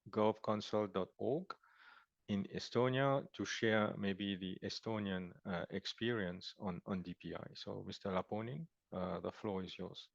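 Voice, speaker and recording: A man moderates a webinar over a video call, his somewhat low voice coming through dull and dry, like compressed call audio. He speaks formally and politely but keeps pausing on fillers as he hands over the floor. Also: vocal fry, dry recording. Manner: hesitant, with frequent filler pauses. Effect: heard over a video call.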